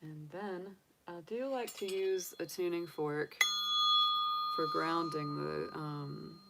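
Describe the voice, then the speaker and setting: An American woman casually chats on a livestream as a tarot reader from a home room with candles and sage, rambling with lots of fillers and restarts. Her voice is deep, creaky and steady in tone, she speaks slowly, and the recording is very noisy.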